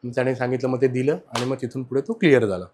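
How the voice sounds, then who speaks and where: Animated male storyteller, casual chat. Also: mid-range voice, rapid-fire, a little hiss or hum. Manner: animated, swings loud and soft while telling the story. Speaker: guest sharing personal ghost experiences.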